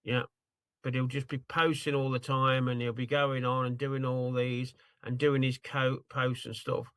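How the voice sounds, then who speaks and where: A man's voice: medium pitch, little pitch movement, a little slow, fairly bright tone, dry recording. A man demonstrating a tool over a video call, talking in a rambling, apologetic way while he searches his screen. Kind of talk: casual screen-share demo on a video call.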